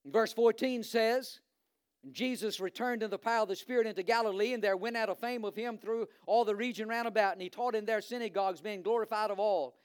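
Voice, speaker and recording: With a high-pitched, clean-toned voice and fairly even intonation, a Virginia man speaking in a Virginian accent preaches briskly as a visiting preacher. Fervent throughout, he builds to emphatic repetition, often filling gaps with "uh." There's no room sound.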